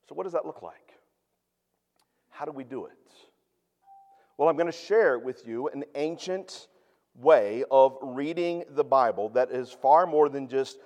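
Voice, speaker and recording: A man preaching a sermon as pastor, teaching earnestly and moving between hushed, quiet stretches and emphatic, raised passages. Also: medium pitch, big-room sound.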